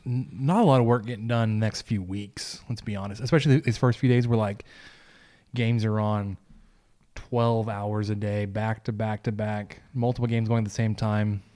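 A man from Texas with a gentle giant voice, hosting a sports podcast in a loose, informal, conversational way. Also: fairly low pitch, fairly even intonation, normal speed. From Texas, United States. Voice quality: gentle giant voice, soft and big. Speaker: podcast host. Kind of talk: casual sports podcast chat.

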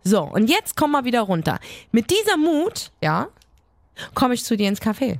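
A woman's voice: fairly high pitch, very animated, no echo. A woman co-hosting a podcast, telling stories in an emphatic, fiery way in casual chat. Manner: fiery storytelling, quick, emphatic. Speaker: podcast co-host.

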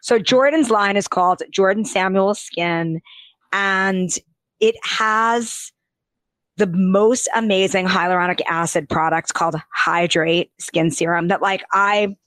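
A woman's voice: medium pitch, a little slow, a bit bright, dry recording. Gushing woman podcast host. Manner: gushing, effusive, rambling with many fillers. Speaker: podcast host and beauty editor. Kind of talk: chatty podcast conversation.

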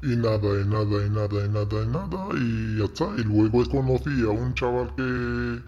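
A man from Morocco, telling his story in an interview in a halting way, repeating words. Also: medium pitch, a little mellow, muffled recording. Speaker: interviewee, former smuggler. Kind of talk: interview testimony.

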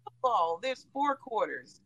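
Guest mom on a bad connection: middle-aged woman, higher voice, dry choppy call audio, excited and laughing. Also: no echo, dull audio. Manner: excited, laughing, quick restarts. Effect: choppy, cutting-out internet call audio. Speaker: guest, football player's mother. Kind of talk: casual interview chat. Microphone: remote video call.

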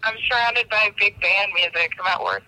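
A woman's voice: mid-range voice, moderate pace, bright, forceful tone, rough recording. A woman calling in, heard through a phone on speakerphone, giving short, terse replies. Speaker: caller. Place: loud workplace with music.

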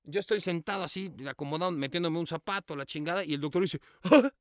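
A man's voice: fairly high pitch, quick pace, dry recording, clean studio sound. A man with a Mexican accent telling a crude, slang-filled story in a casual podcast chat. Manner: crude slang-heavy anecdote telling with acted quotes. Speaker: podcast co-host.

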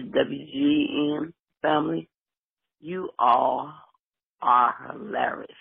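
A man's voice: mid-range voice, creaky, husky. A man leaving an effusive, friendly voicemail, heard over a landline phone. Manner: warm, effusive praise. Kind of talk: casual phone message. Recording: tinny phone-line voicemail.

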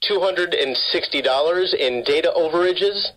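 A man's voice: on the high side, moderate pace, a bit bright. A man posing as a phone company caller, speaking in a scripted, repetitive sales-call manner over a garbled phone line that keeps breaking up.

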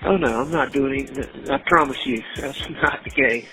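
A man's voice: mid-range voice, moderate pace, pushed and bright, faint music behind, poor audio. A man talking casually on a recorded private jail payphone call. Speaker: jail inmate on a phone call.

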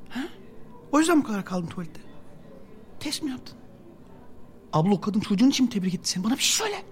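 Actress as a frantic, clingy younger sister. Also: female voice, medium pitch, big pitch swings, rapid-fire, close to an everyday voice. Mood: anxious. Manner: frantic and whiny, tearful at times. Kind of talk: audio drama acting.

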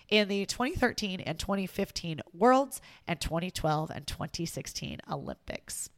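A woman's voice: fairly low pitch, no room sound. Chatty woman reading sports news. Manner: chatty, amused, laughs between stories. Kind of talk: weekly sports news roundup.

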